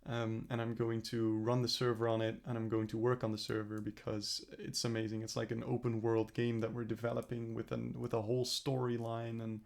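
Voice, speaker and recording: A young man records a casual personal vlog, speaking earnestly to the camera about his plans. His voice is gravelly with a lot of fry, and he keeps his pitch fairly level. He rambles, restarts and corrects himself as he thinks aloud. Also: monotone, brisk, few pauses, darkish tone. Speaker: vlogger. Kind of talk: casual self-reflective vlog.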